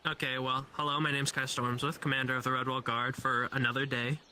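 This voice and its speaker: A man voicing a gruff male guard commander near retirement, brusque and teasing, swearing freely in tabletop role-play. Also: mid-range voice, flat delivery, fairly quick, pushed and bright.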